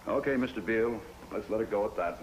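A man acting as a hard, menacing businessman on the run in a vintage television drama. He keeps his lines clipped and guarded, with a quiet threat beneath them. His voice is low, and clear hiss sits under the old recording. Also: quick pace, lightly acted, rough recording.

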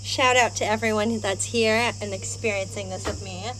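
Speaking at a medium pitch with fairly even intonation and normal speed, a woman chats casually on a live stream as she cooks and climbs stairs around her house, outdoor stairs and terrace. She's self-deprecating and chatty and asks viewers questions. The heat and stairs leave her panting and a little out of breath, and there's background noise.

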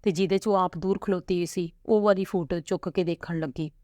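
A woman narrating a family story in a steady, plain storytelling way. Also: fairly low pitch, a little fast, dry recording, clean studio sound.

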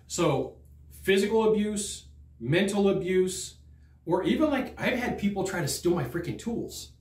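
This middle-aged man's voice sits high but unhurried in a reverberant studio as he trains viewers on sales, speaking straight to a fixed camera from a desk before a green screen. He's animated and conversational, acting out customer remarks.

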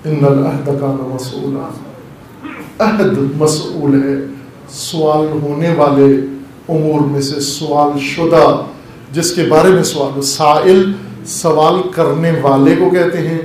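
A man's voice: on the high side, steady tone, darkish tone. A man giving a sermon, telling a story with rising emphasis. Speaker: preacher. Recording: very echoey hall, faint ambience.

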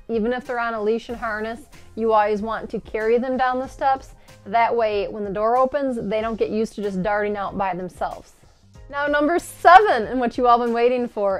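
Woman, forties, casual vlog, chatty, animated, inside an RV, faint background music. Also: fairly high pitch. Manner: chatty and animated, gesturing while explaining. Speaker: RV lifestyle vlogger. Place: inside an RV, seated at a table by a window.

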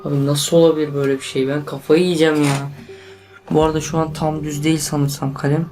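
Young male vlogger, jittery, excitable, chatty to viewers; faint music underneath. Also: on the high side, fast. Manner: tense, excitable, addresses viewers as friends. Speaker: YouTuber. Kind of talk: casual vlog to camera.

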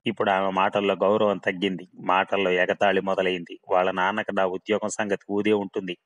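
A man narrating a humorous story in a wry, steady reading voice. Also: fairly low pitch.

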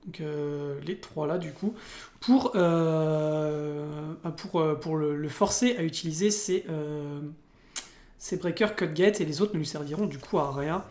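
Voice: medium pitch, a little slow, a little mellow. A person with a French accent commentating their own online card game match casually, with many fillers and restarts. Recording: roomy, echoing room.

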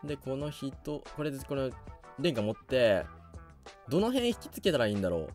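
A man giving let's play commentary on a video game, reacting loudly and laughing often. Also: medium pitch, big pitch swings, a little fast, soft background music. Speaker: gaming YouTuber.

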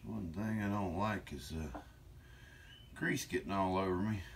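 In a cluttered indoor workshop, a middle-aged channel host talks casually and slowly while working with his hands. His deep, creaky voice is slightly slurred from one-sided mouth weakness. A camera a step or two away on the bench records it, with a little hiss or hum.

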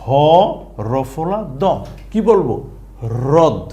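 A man teaching a language lesson online, repeating sounds slowly and asking his students questions as he goes. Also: fairly high pitch, sing-song, darkish tone.

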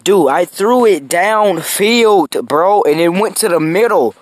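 A man giving casual commentary over his own video game match, excitable and quick to yell in frustration, saying "bro" constantly. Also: high voice, slight background noise.

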